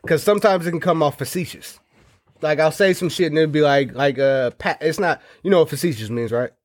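A man co-hosting a casual podcast chat, talking in a relaxed, musing way about himself. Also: fairly high pitch, brisk. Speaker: podcast co-host.

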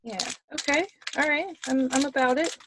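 A woman's voice: high voice, normal speed, a bit bright, slight background noise. A woman co-hosting a podcast over a video call, chatting casually while tasting snacks and often repeating her words as she talks. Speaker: podcast co-host.

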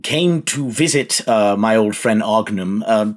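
A man's voice: lowish voice, measured pace. A man playing a genteel psychic who speaks telepathically into a listener's mind, in a courtly, rambling, hesitant way during tabletop role-play. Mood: wistful, awed.

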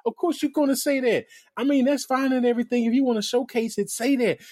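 With a very high voice and quick delivery, a man co-hosting a sneaker podcast rants, cursing constantly and mimicking others in mocking tones. The studio sound is clean and dry.

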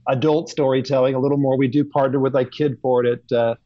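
A man's voice: mid-range voice, level tone, brisk, dry recording. A man hosting a casual chat on a video call, rambling through many fillers and restarts. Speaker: host. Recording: dry, dull video-call audio.

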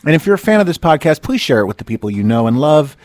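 A man's voice: fairly high pitch, big pitch swings, fast, a little mellow, no echo. A man hosting a comedy podcast from a studio, campy, brash and playful in casual chat. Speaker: podcast host. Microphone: studio mic.

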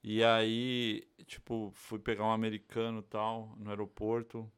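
A man's voice: on the low side, monotone, a little slow, smooth. A man from Brazil hosting a podcast, telling stories in casual slang with an easygoing manner. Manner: easygoing, slangy, laughing storyteller. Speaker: podcast host. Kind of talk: casual chat.

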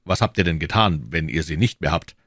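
A cold, suspicious commissioner in a storybook audiobook, voiced by a man in a very low voice. He questions in a stern, indifferent manner, recorded close and dry. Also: fairly quick, a bit bright, dry recording. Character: cold, suspicious male police commissioner, middle-aged. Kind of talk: audiobook reading.

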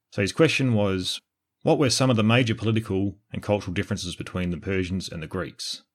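Deep-voiced Australian man narrating history. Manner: measured, explanatory, answers listener questions. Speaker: history podcast host.

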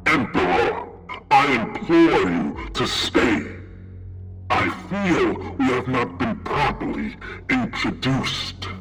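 A man voicing a female nine-tailed fox spirit, a commanding judge of hell, over loud music. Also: mid-range voice, sing-song, slow pace, recorded from a distance, poor audio. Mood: imperious. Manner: grand, commanding declamation. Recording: backing music playing loudly.

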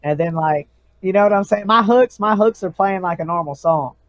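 This is a man with a fairly high voice for a male speaker. He talks in a slangy frat-bro manner, swearing often and keeping it casual, as a rapper guest in a conversation. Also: a little fast, no room sound. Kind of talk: casual chat.

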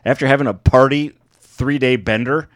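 A man's voice: medium pitch, steady tone, normal speed, no room sound, studio quality. A man chatting casually and irreverently as a podcast co-host. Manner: irreverent, sweary. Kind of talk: casual banter.

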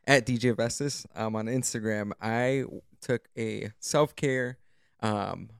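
A man's voice: mid-range voice, slow pace, vocal fry, smooth, no room sound, clean studio sound. Slangy man in natural unscripted podcast chat. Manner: slangy, profane, enthusiastic storytelling. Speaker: podcast guest or co-host. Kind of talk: natural unscripted casual talk.

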